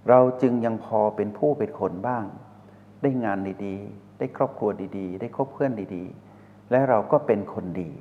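A man giving a slow, measured dharma talk as a spiritual teacher, posing rhetorical questions to listeners. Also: lowish voice. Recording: reverberant hall over a tinny phone-like line.

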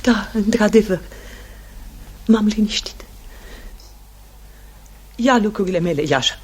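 A woman's voice: mid-range voice, expressive, breathy edge. An actress playing a sentimental aristocratic mother who is bidding farewell to her family home, in a radio play. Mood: wistful. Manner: wistful, tender, sentimental. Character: Lyubov Ranevskaya, a wistful aristocratic mother. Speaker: radio drama actor.

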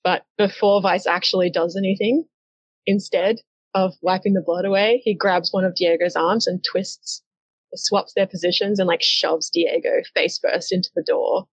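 A woman's voice: on the low side, steady tone, normal speed, slightly rough, no echo. A woman game master narrating a collaborative comic story game in a chatty, hesitant way with lots of fillers. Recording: dull, lo-fi and dry.

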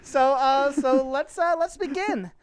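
A woman's voice: high-pitched, unhurried, a crowd in the background. A woman hosting a casual podcast and introducing a game segment in a playful, loose way.

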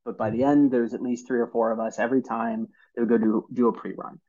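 A man in his thirties, a podcast guest, telling stories in an earnest, halting way with many fillers and restarts. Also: medium pitch, flat delivery, warm tone, dull audio. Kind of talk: casual storytelling interview.

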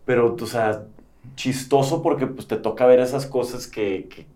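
A young man from Mexico with a northern Mexican accent, chatting casually as a podcast guest, relaxed and laughing easily. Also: medium pitch, normal speed. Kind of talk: casual chat.

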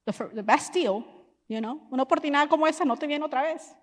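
A woman delivers a sermon as a lively personal story, slipping English phrases into her speech. Her voice sits a little high and carries the long reverb of a church hall. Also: brisk. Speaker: pastor's wife and preacher.

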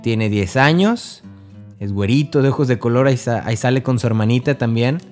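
A man's voice: medium pitch, fairly quick, darkish tone, faint music behind. A man with a Mexican accent hosting a casual religious podcast, talking straight to the listener in a chatty way. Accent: Mexican Spanish. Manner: chatty, addresses the listener directly. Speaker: podcast host.

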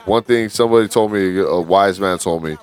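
A man's voice: deep voice, fairly quick, a little mellow, clean tone. A man co-hosting a podcast in laid-back, slangy casual chat, calling his friend dog and homie. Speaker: podcast co-host.

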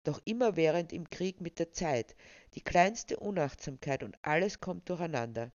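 A woman voicing a calm, pedantic male railway official who lectures in a dry, unbothered way. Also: on the high side, moderate pace, dry recording, lo-fi sound, lightly acted.

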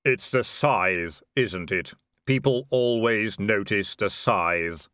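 A man voicing Death, a calm, matter-of-fact robed supernatural being in an audiobook, in a slow, solemn deadpan. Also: fairly low pitch, no echo, clean studio sound.

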